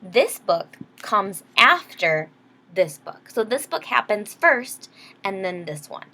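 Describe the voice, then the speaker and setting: A medium-pitched, slightly bright voice belongs to a teacher reading a picture book aloud to young children. Her storytime includes simple explanations and check-in questions.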